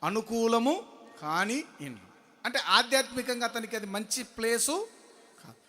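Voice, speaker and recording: A man preaching a sermon, throwing questions at the congregation and swinging between loud shouts and low murmurs. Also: expressive, normal speed, long reverb tail.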